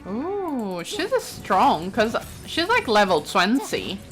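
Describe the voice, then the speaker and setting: A let's play host gives casual, chatty commentary, thinking aloud as she plays. Her voice is a little high and slow, with wildly swooping pitch. Game music and keyboard clicks sound in the background.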